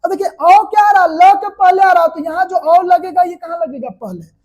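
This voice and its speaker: Very high-voiced woman shorthand teacher. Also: brisk, darkish tone. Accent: Indian Hindi. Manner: explains step by step with repeated quiz questions. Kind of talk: classroom lecture.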